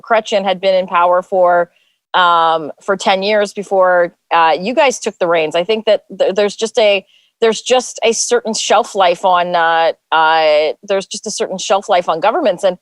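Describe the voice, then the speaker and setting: A woman's voice: mid-range voice, dry recording. A woman on a political podcast panel, speaking in a conversational way and hedging with "I think". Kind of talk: casual panel chat.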